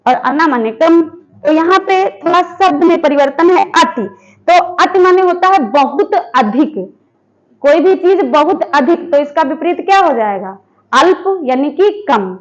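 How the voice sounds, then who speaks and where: A woman teaching a Hindi lesson for exam preparation. She asks her students questions, answers them herself and repeats each word slowly. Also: high-pitched, muffled recording. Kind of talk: online exam-prep lesson.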